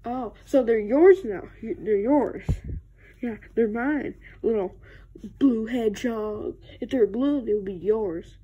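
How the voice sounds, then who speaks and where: A big, stubborn male echidna, voiced by a woman, in a homemade fan skit. He insists on his own childish logic in slow, plodding lines. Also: fairly high pitch, dark tone, slightly rough, highs cut off, pitched below the performer's own voice.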